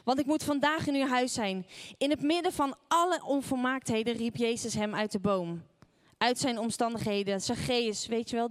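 A woman in her thirties preaching a sermon, with a voice set a bit higher than most. She mixes stories from home with questions to her listeners in a casual, personal way.

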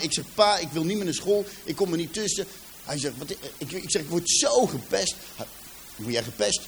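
Man, Rotterdam accent, fairly high voice, personal testimony before a live audience, lively storyteller acting out dialogue, faint background hum. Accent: Rotterdam Dutch. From Rotterdam, Netherlands. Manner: vivid storyteller who acts out dialogue and addresses the audience directly. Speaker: speaker giving a personal testimony. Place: in front of a seated audience.

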